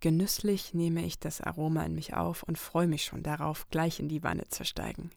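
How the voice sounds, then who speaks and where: Woman narrator, first-person storybook reading, calm and even, slightly gravelly voice, dry close mic. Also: sits low, moderate pace, no room sound. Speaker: audiobook narrator.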